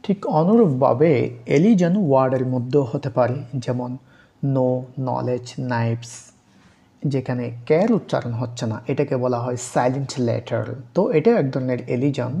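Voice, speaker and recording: A teacher from Bangladesh giving a recorded exam-prep lecture, reading English definitions slowly and then explaining them step by step, repeating example words to contrast how they are pronounced. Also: medium pitch, vocal fry, warm tone.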